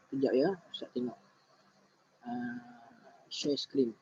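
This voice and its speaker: A man with a Malaysian Malay accent teaching Quran recitation on a video call, patient and drawing out each verse slowly. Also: mid-range voice, darkish tone, dull audio, slight background noise. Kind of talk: online tajwid lesson.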